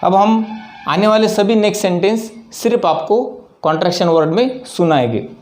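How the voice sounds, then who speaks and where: A man teaching an English lesson, explaining slowly and deliberately and spelling out example sentences. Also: high-pitched.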